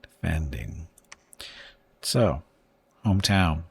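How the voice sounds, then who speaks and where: A man thinking aloud as he plays a strategy game on a live stream, halting and correcting himself as he goes. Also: rumbling low, expressive, gravelly, husky. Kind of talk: casual gameplay commentary.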